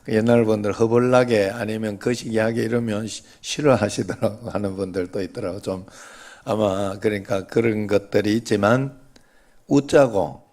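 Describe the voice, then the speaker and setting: A man's voice: fairly low pitch, a little mellow. A man from the Gyeongsang region with a Gyeongsang accent, preaching a sermon in a chatty, joking way and leading the congregation in greetings. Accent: Gyeongsang Korean. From Gyeongsang region, Korea. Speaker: pastor. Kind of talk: sermon with playful banter.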